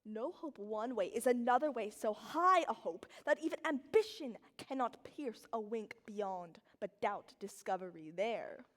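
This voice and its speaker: A woman plays an ambitious, plotting courtier on a Shakespearean stage. The delivery is hammy and declamatory, high-pitched and slow, with sweeping rises and falls in a reverberant hall. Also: expressive. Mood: persuasive, insistent. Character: scheming, ambitious courtier urging a drowsy lord to seize a crown.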